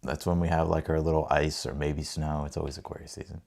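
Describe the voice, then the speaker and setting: Extremely low and slightly mellow with vocal fry, his voice barely shifts in pitch and moves quickly. The American man, who grew up in Ohio and Texas, hosts a tarot livestream, rambling informally, repeating phrases, and reading cards between chat.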